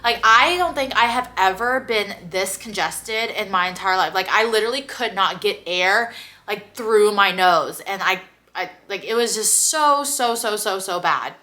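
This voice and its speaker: Speaking to her camera about her own experience, a young vlogger sounds expressive, bright and forceful at a mid-range pitch. A slight stuffiness colors her voice, and she chats along with frequent "like"s and quick laughs.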